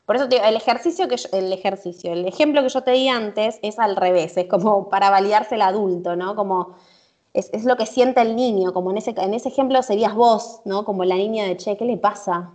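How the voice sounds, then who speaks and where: A woman's voice: medium pitch, a little fast, a little mellow. A woman with a Rioplatense Spanish accent explaining emotions in casual chat, with many fillers and tag questions.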